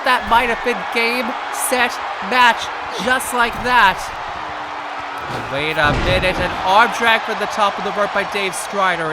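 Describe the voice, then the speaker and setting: A man doing live play-by-play as a wrestling commentator, excitable and wordy, repeating phrases for emphasis. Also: high-pitched. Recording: loud crowd noise behind the voice.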